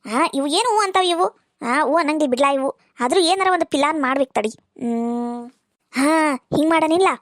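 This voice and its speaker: A woman's voice: high voice, a little fast, no echo, clean studio sound, pitched below the performer's own voice, lightly acted. A woman voicing a scheming, two-faced stepmother in a cartoon, with a North Karnataka accent, sweet to the children and snarling behind their backs. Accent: North Karnataka Kannada. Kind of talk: cartoon voice acting.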